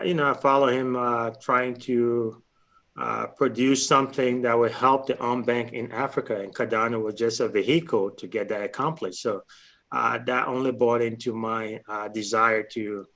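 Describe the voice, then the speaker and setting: A man from Liberia with a Liberian accent, talking on a panel in a relaxed, hesitant way with many fillers. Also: mid-range voice. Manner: hesitant, many fillers, clears throat often. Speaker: panelist, stake pool operator. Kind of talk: casual panel talk.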